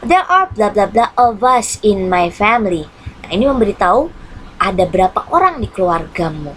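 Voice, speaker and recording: A woman teacher with an Indonesian accent, giving an online English lesson and translating each English line into Indonesian, with frequent hmm pauses. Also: medium pitch, big pitch swings, fairly bright tone, slight background noise, rough recording. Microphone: computer mic on a screen-shared video lesson.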